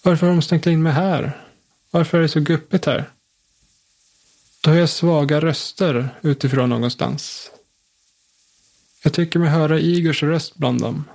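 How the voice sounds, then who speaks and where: A man telling a suspenseful first-person story in a calm, measured way. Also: a little high, creaky.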